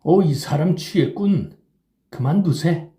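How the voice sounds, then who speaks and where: A man's voice: fairly high pitch, expressive, slow, warm tone, reverberant, pitched above the performer's own voice. A man voicing a sober, wary middle-aged drinking companion who pleads and scolds in an audiobook reading. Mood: placating. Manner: pleading, reproachful.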